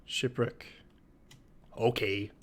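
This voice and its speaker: A young man streaming a game, joking around in casual commentary with sudden loud outbursts. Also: medium pitch, fairly even intonation, drawn-out words.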